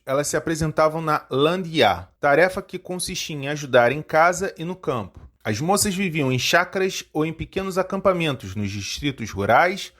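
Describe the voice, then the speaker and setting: Guy reading a history lecture, slightly high voice, goes up on every date. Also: a bit bright. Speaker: history channel host.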